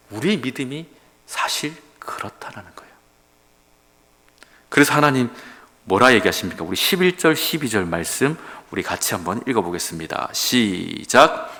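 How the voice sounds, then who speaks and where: Lively, dramatic male pastor preaching. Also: mid-range voice, moderate pace, gravelly, long pauses. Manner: dramatic, acts out dialogue with God in raised voice. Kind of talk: early-morning sermon. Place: church sanctuary. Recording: long hall reverb.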